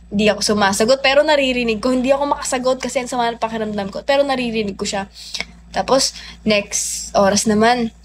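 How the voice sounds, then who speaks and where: A young woman livestreaming, telling a personal story in a chatty, animated way with lots of fillers. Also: fairly high pitch, a little hiss or hum. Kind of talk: casual storytelling.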